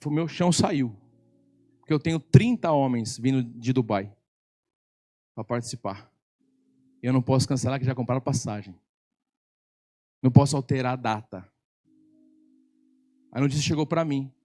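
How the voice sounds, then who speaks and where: A man with a Brazilian Portuguese accent preaching a sermon at a church service, telling a story in an animated, teasing way that often gets loud. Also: mid-range voice, normal speed, long pauses. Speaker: pastor.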